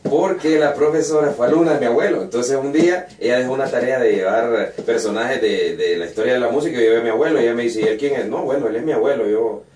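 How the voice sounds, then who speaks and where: Honduran man in his thirties, lively storyteller, roomy distant sound, studio guest. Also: medium pitch, fast, hardly any pauses. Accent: Honduran Spanish. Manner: animated, laughs while telling anecdotes. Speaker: guest singer-songwriter. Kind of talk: storytelling interview answers. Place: small radio studio with red wall. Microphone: boom mic at a desk, headphones on. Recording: echoey room, voice picked up from afar.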